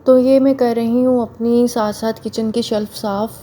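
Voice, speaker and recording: Woman vlogger, mellow voice pitched a bit high, a little hoarse, homely chatter to camera. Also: steady tone, moderate pace, a little hiss or hum. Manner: chatty, homely, addresses viewers directly. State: slightly hoarse from a cold. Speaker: home vlogger. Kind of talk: casual voice-over narrating chores.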